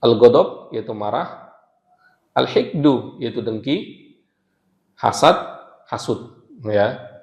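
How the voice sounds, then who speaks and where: A man's voice: medium pitch, lively intonation, slow, pauses often, darkish tone, reverberant. A man teaching a religious study session, explaining step by step with rhetorical questions and a habit of adding "ya" after each point. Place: mosque during a retreat.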